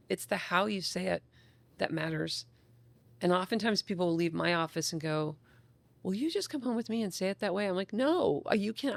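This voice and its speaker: A woman child psychologist chatting on a podcast, with a gravelly, fry-laced voice that sits a little low. She tells her stories with lively enthusiasm and acts out the people she quotes. The sound is close and dry. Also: no room sound. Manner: enthusiastic, animated storyteller acting out quotes. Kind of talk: casual podcast conversation.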